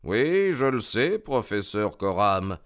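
A man voicing a calm, assured detective in an audiobook reading. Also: lowish voice, slow pace, faint music behind. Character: calm sharp male detective.

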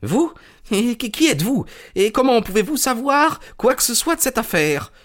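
A man's voice: very high-pitched, very animated, moderate pace, pitched above the performer's own voice. A man voicing a small, weaselly man who whines with a trembling voice. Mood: anxious. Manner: whining, trembling.

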